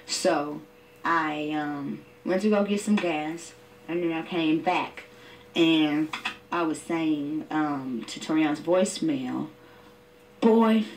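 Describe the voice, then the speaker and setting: A middle-aged woman from Oakland recounts a personal ordeal in her own words. Her voice sits low and she tells it with vivid, emotional detail. The mic is some distance from her. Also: fairly even intonation, slow, slight background noise. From Oakland, California. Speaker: interviewee, mother. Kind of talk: personal testimony.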